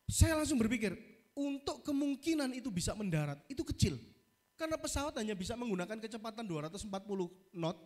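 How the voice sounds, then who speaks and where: High-voiced East Javanese preacher. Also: male voice, quick pace. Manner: lively storytelling, often calls out to the congregation. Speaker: pastor. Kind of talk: sermon.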